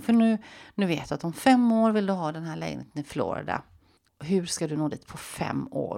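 Low, gravelly-voiced woman coach. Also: a little mellow. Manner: conversational, coaching, speaks directly to the listener. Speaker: life coach and podcast host. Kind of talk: solo podcast monologue with guided visualization.

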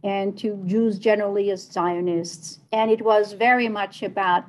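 A philosophy department chair who grew up in Tunisia responds to an interviewer thoughtfully and deliberately, with plenty of ums. She has a mid-range, darkish voice and keeps her intonation fairly even.

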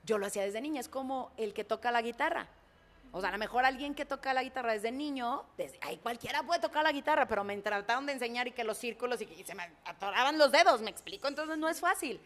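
A woman with a Mexican accent, a public speaker and announcer, telling anecdotes in a lively, colloquial, frank way in conversation. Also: a little high, quick pace. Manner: expressive, imitates heartbeats and screams. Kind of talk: animated storytelling in conversation.

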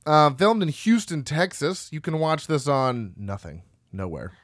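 A man's voice: fairly high pitch, animated, a little slow, no room sound. Male podcast co-host, casual and self-mocking, trips over names, dead-dry booth sound. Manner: rambling, laughs at himself, stumbles over names. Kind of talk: casual chat reading film credits.

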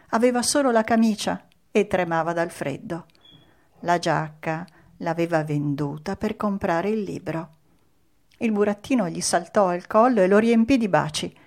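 Woman storyteller, expressive read-aloud, lower voice. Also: gravelly. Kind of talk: storybook narration.

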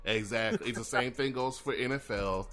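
A man's voice: medium pitch, moderate pace, a bit bright, faint music behind. A man hosting a casual podcast, laid-back and loose, stumbling over repeated words. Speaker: podcast host. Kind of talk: casual chat.

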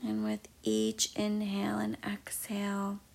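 A woman guiding a meditation in a soft, slow, mostly whispered voice. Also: mid-range voice, monotone, creaky. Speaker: meditation guide. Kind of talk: guided meditation.

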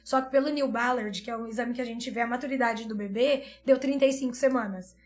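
A woman's voice: fairly high pitch, fairly even intonation, quick pace. A woman in her thirties, a pediatrician, telling an emotional personal story in earnest, tumbling bursts with repeated phrases.

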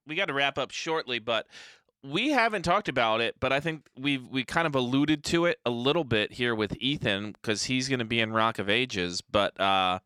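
A man co-hosting a podcast, relaxed and rambling as he steers the talk. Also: medium pitch, moderate pace, clear, resonant tone, dry recording. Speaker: podcast co-host. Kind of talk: casual chat.

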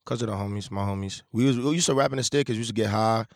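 Fast-talking, slangy man in his twenties. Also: on the low side, gravelly, dry recording, clean studio sound. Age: 20s. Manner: blunt, slangy, repeats himself. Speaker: interview guest, rapper. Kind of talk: casual banter.

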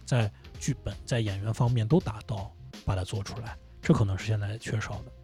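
A man's voice: lowish voice, brisk, soft background music. A man guest on a podcast talking casually and animatedly about running a comedy company. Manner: animated, laughs and swears when excited. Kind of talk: casual conversational interview. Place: indoor studio.

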